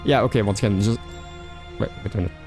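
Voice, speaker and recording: A man's voice: on the low side, quick pace, a little mellow, faint music behind. A male streamer reading a visual novel aloud, restarting stumbled words and chatting casually about the game. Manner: stumbling rereads, casual fillers.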